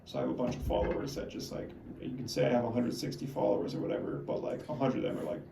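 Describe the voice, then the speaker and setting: A young man co-hosting a podcast, talking in a relaxed way and using "like" constantly. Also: mid-range voice, rapid-fire, creaky. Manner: relaxed, filler-heavy with lots of "like". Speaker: podcast co-host. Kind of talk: casual chat. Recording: roomy, distant mic, steady hiss.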